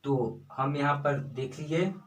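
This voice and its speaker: A man's voice: fairly high pitch, unhurried, echoey room, far from the mic, low-quality recording. A young man teaching a casual online grammar lesson, chatty, often asking himself questions and repeating his examples.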